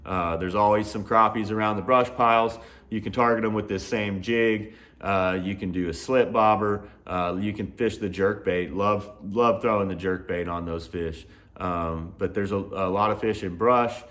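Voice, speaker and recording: A man in his thirties giving a casual fishing report to camera from a garage workshop, relaxed, with frequent "uh" and "you know" fillers. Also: fairly low pitch, normal speed. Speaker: fishing guide and host. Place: indoor garage workshop with tackle shelves.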